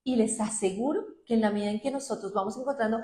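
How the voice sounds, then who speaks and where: Middle-aged woman, guest speaker, expressive talk with bursts of high quoted voices, slightly high pitch, reverberant room. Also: fast. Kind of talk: conversational talk.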